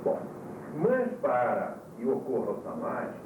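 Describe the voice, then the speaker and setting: A man who is a yoga teacher lectures to his students, explaining calmly and jumping up in pitch when he stresses a point, heard from an old VHS tape. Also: measured pace. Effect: old VHS tape recording. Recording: tinny, roomy, distant, hissy old VHS tape.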